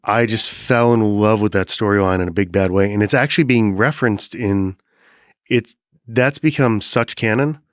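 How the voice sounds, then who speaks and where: Lower-voiced man on a podcast, eager. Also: normal speed, no echo, clean studio sound. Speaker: podcast co-host. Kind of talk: casual podcast chat.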